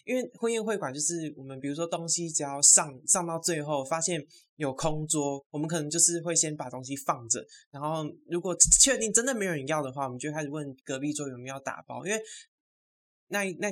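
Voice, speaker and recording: A young woman, hosting a podcast and telling a story in an animated, gossipy way with loud exclamations. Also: low-pitched, fast talker. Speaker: podcast host. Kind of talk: casual solo storytelling.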